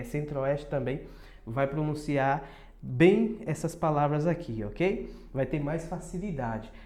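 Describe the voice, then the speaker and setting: A Brazilian man giving a casual pronunciation lesson as a teacher, checking in with quick tag questions and slowly repeating words as models. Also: fairly high pitch, darkish tone. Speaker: English teacher. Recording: echoey room.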